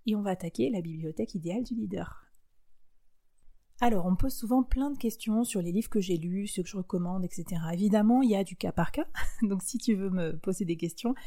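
Woman, casual advice monologue, enthusiastic, chatty with fillers, mellow tone. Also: lowish voice. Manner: chatty and enthusiastic, with frequent fillers and small laughs. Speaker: podcast host giving business advice.

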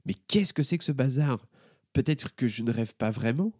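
A man's voice: medium pitch, animated, normal speed, a little mellow, breathy edge, no echo, clean studio sound. A man voicing a confused young schoolboy who hesitates and stammers in a children's story. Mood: puzzled. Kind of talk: storybook character voice.

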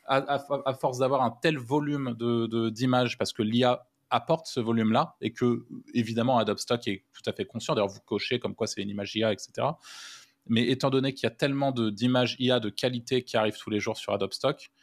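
A man's voice: medium pitch, steady tone, a little fast. A man co-hosting a podcast, chatting casually and rambling with many restarts and fillers. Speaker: podcast co-host.

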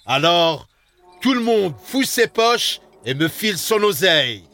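A man's voice: sits high, sing-song, a little slow, bright, forceful tone, soft background music, pitched above the performer's own voice, full character voice. A man doing a cruel sneering prison guard. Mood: menacing. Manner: menacing, contemptuous.

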